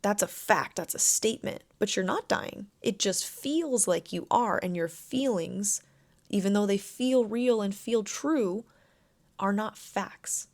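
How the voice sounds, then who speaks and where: Relaxed woman coaching through a podcast. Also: medium pitch, unhurried. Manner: relaxed, conversational, reassuring coaching tone. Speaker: podcast host and anxiety coach. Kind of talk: self-help podcast monologue.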